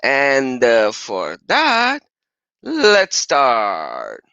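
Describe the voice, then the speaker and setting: A man hosting a casual live stream, enthusiastic and quick to laugh. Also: medium pitch, huge pitch swings, bright, forceful tone, dry recording. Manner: upbeat, enthusiastic, laughs often. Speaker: livestream host. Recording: dry, dull lo-fi stream audio.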